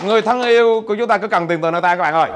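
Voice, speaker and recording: A middle-aged man from Vietnam, giving an animated, joking seminar talk as a business trainer, repeating words and questioning his audience. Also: high-pitched, very fast, a little hiss or hum.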